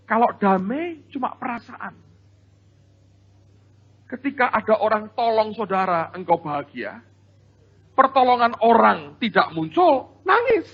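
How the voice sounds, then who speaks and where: A pastor preaching a sermon in an animated, storytelling way, often turning to address the congregation directly. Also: male voice, high-pitched, slightly rough. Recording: dull lo-fi sermon recording.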